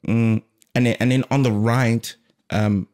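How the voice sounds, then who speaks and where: A man hosting a casual podcast conversation, animated and rambling at times. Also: medium pitch, unhurried. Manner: animated, loses his train of thought. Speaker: podcast host.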